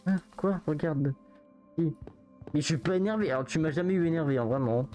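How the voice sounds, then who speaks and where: A man streaming live, chatting casually and protesting in fast, repetitive banter. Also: a little high, warm tone, soft background music.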